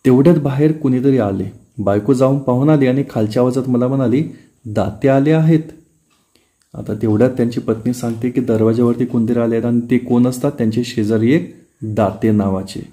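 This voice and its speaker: A teacher with a Marathi accent explaining a textbook chapter, reading passages of dialogue aloud and then explaining them plainly. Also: male voice, medium pitch, steady tone, quick pace, dark tone.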